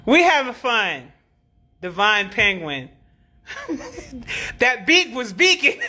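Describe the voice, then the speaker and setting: Brash, profane woman with a bright voice. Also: on the high side, takes it slowly. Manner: profane, joking and animated, repeats phrases, laughs often. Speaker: spiritual teacher on a livestream. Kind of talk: casual livestream talk answering comments.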